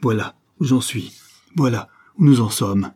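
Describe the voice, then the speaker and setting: A man's voice: fairly low pitch, normal speed, darkish tone, slightly rough. A man reading an audiobook, voicing an embittered, vengeful noblewoman who scolds her son in a stern, commanding way. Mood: bitter. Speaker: audiobook reader.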